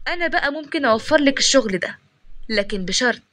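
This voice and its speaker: A stern Egyptian shop owner gives orders in a curt, commanding tone, played by a woman reading a storybook. The delivery is brisk and slightly high-pitched. He is a widowed father who expects no excuses. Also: animated, fairly bright tone. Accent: Egyptian Arabic.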